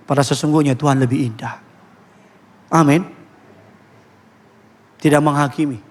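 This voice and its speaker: A man preaching a sermon in church as pastor, telling stories in a lively, joking way with English phrases mixed in. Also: a little high, moderate pace.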